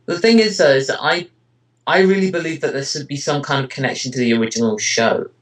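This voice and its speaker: Talking fast in a fairly high voice, a male amateur voice actor and web parody creator answers interview questions in a casual chat. His replies ramble hesitantly, littered with "you know" and "kind of."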